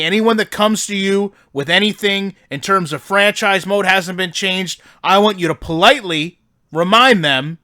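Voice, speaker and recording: A man playing a smug game executive hosting a staff conference call in a parody, speaking with earnest, measured, emphatic corporate politeness. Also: sits high, sharp tone.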